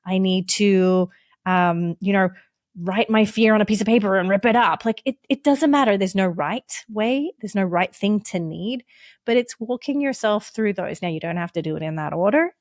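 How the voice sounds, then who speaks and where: A woman therapist speaks as a podcast guest, gentle and reassuring as she walks the listener through each step. Her voice sits at a middle pitch. The recording is close and dry, with no room sound. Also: moderate pace, no echo. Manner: gentle, reassuring, instructive, with frequent "like" and "right?". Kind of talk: explanatory podcast conversation.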